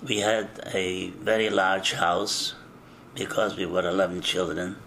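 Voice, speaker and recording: An older man from eastern Czechoslovakia giving an oral history interview, recalling things in a slow, measured way with frequent hesitations. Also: low-pitched, steady tone, gravelly, sharp tone, a little hiss or hum.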